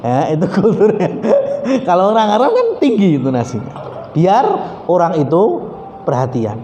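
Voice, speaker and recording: A male preacher with a Javanese accent giving an animated, joking religious study lecture, slipping into Javanese and Arabic recitation. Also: sits high, moderate pace. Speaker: Islamic preacher. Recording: echoey hall, faint background noise.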